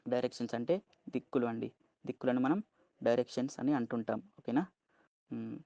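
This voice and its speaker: A man with a Telugu accent teaching vocabulary, speaking slowly, spelling words out letter by letter and checking in with "okay?" after each one. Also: mid-range voice, gravelly, mellow, no room sound, dull audio. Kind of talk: vocabulary lesson.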